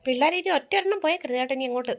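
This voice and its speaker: A woman voicing a frantic mother in a family cartoon, who scolds her children loudly. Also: very fast, close to an everyday voice. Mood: panicked. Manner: shrill, scolding.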